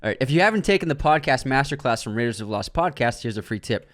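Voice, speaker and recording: A man's voice: medium pitch, expressive, quick pace, a bit bright, no echo, studio quality. A young man co-hosting a podcast, reading fan jokes and laughing between lines. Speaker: podcast co-host. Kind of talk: casual chat, reading fan jokes aloud.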